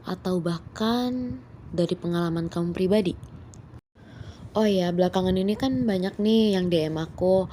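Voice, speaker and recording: Over background music with a little hiss or hum, a woman with a mellow, lowish voice tells horror stories as a chatty host. She talks at a normal speed, pauses often, and calls her audience "guys" while mixing in English words. An impediment makes her R sounds lisp-like rather than rolled, and the storytelling has a casual, scripted feel.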